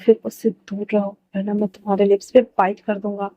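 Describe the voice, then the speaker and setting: A woman's voice: mid-range voice, little pitch movement, brisk, muffled recording, close to an everyday voice. A woman doing a cold, curt male doctor. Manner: quiet, curt and rude.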